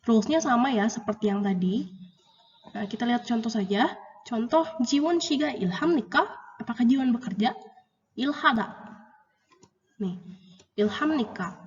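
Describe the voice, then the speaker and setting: Lady teacher going over korean grammar, repeats words slow, lo-fi muffled sound. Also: lively intonation. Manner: slow, drawn-out repetition of example words, rising pitch on questions. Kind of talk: grammar lesson explaining example sentences. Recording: dull, roomy lo-fi recording with long reverb.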